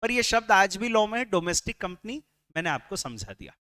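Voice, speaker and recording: A man's voice: high voice, big pitch swings, fairly quick, pushed and bright. A man with an Indian English accent teaching a classroom lecture, explaining step by step, asking the class questions and mixing English phrases into his speech. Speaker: tax lecturer.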